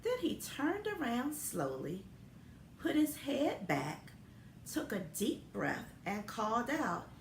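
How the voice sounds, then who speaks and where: A woman principal reading a picture book aloud to children, with expressive storytelling. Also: a little high, slow, creaky, slight background noise. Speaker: school principal. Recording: echoey room.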